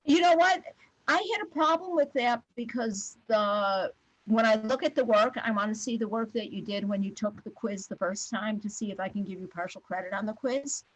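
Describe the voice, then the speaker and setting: A woman math teacher chatting briskly and warmly with her students on a video call, with lots of fillers. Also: mid-range voice, dry recording, low-quality recording. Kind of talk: casual talk with students after class.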